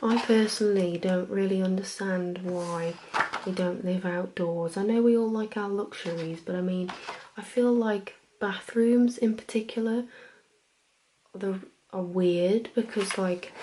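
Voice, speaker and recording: A woman playing a friendly, chatty librarian in a soft-spoken, gentle and informal ASMR role-play. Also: medium pitch, steady tone, unhurried, a little hiss or hum, close to an everyday voice, rough recording. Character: friendly, chatty female librarian recommending books.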